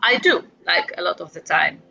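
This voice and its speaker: In a casual interview, a guest author in her forties from Greece muses on parenting with gentle self-deprecating humor and a Greek accent. Her voice sits on the low side, gravelly and expressive at a moderate pace, and the recording sounds muffled.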